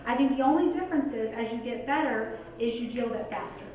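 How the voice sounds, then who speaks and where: A woman's voice: fairly high pitch, quick pace, a little mellow. Earnest woman speaking in an echoey hall. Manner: earnest, conversational, heavy use of "like" and "you guys". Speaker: motivational speaker. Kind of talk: motivational talk to a live audience. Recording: echoey hall picked up from a distance.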